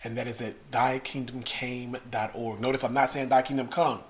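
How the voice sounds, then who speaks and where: A man, a pastor, co-hosting a casual podcast, talking in a measured, explanatory way with frequent uhs. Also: mid-range voice, little pitch movement, a little hiss or hum. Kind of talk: casual chat.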